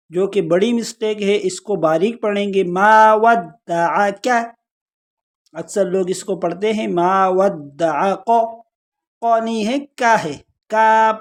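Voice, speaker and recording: A Quran recitation teacher, explaining pronunciation step by step and slowly drawing out each example word. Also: mid-range voice. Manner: slow, drawn-out recitation of examples between explanations.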